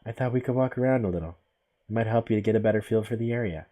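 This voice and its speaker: An odd, solitary young woman from a visual novel, as a man reads her. She speaks in a flat, deadpan way with no emotion, in a husky voice. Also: on the low side, racing, close to an everyday voice. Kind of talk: visual novel character read aloud.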